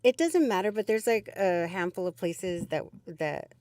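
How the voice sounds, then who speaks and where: A woman's voice: on the low side, animated, normal speed, a little mellow, no room sound, studio quality, recorded from a distance. Middle-aged woman chatting, slightly off-mic. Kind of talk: casual conversation.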